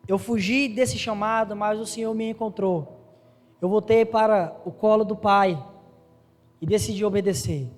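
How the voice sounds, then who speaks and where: A man's voice: sits high, darkish tone. A man preaching a sermon to his congregation, telling stories and calling the listeners "brother" and "dear", then building to raised, urgent appeals. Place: church hall. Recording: live church recording with long reverb and faint music.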